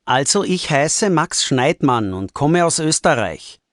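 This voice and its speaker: Male coursebook voice, animated but unhurried, slightly high, dry. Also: no room sound. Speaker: textbook audio speaker. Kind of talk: scripted textbook listening exercise.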